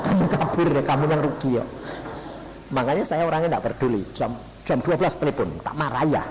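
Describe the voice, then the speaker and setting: A middle-aged male evangelist with a Javanese accent preaches a lively sermon. His fairly high voice swings widely in pitch as he tells stories and acts out both sides of a conversation. He keeps turning to his listeners to address them directly. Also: background noise. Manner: animated storytelling, acts out dialogues, addresses audience as "saudara".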